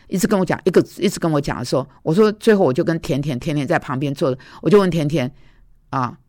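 A woman's voice: low-pitched, fast talker, a little mellow, no room sound, studio quality. A woman preacher giving a conversational, storytelling sermon, recounting arguments and dialogues from her own life.

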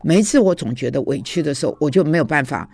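Slightly high-voiced male preacher, dry sound. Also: animated, fast talker, vocal fry, a little mellow, breathy edge, dry recording. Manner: storytelling, confessional, many hesitations. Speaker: seminary teacher and preacher. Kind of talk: informal devotional talk.

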